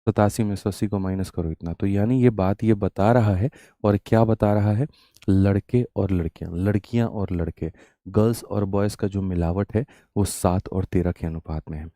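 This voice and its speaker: A male maths teacher with a sore, hoarse throat leads a live online lesson. His voice is low and very dark, recorded dry and close. He keeps asking rhetorical questions and calls his students "brother". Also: fairly even intonation, normal speed, no echo. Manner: addresses students as "mere bhai" and "bachchon", with repetitive rhetorical questions.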